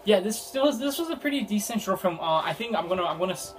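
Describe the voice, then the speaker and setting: A man's voice: high-pitched, lively intonation, fast talker, a little hiss or hum. A young man giving a casual, rambling film review, full of fillers like "you know" and "like", and restarting his sentences often.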